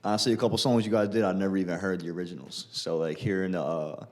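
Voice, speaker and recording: A man's voice: deep voice, fairly even intonation, fast, a little mellow. A man hosting a podcast in casual chat, laid-back and slangy, often saying "you know". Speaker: podcast host.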